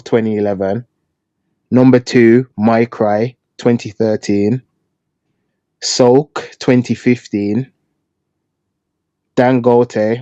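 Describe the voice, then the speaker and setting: Guy cohosting a podcast, chatty and candid, mid pitch, dry kinda muffled sound. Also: dark tone, no echo. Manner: candid, chatty, talks through his opinions. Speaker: podcast co-host. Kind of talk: casual opinion chat. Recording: dull, slightly lo-fi dry sound.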